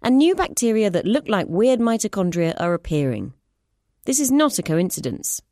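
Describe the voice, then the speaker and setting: A woman voicing a sharp, impatient woman scientist who explains in a brisk, lecturing way, read as an audiobook. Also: mid-range voice, sing-song, no echo, studio quality, pitched above the performer's own voice, natural voice. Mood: urgent lecturing. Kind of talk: audiobook reading.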